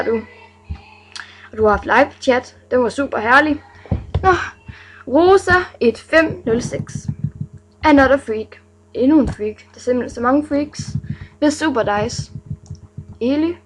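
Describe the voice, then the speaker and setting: Giggly higher-pitched young woman vlogger. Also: poor audio. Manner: chatty, giggly, playful asides. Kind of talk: casual reading of viewer names.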